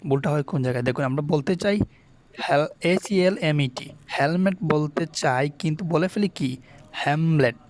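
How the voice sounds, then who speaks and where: A man teaches a spoken English lesson, his voice sitting a little high. He spells words out letter by letter and answers the questions he puts to the class himself. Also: a little mellow. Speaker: English tutor.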